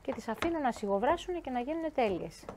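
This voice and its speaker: A woman chef giving a cooking demonstration, talking lively and chatty, speaking straight to her viewers. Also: sits high, heavy background noise.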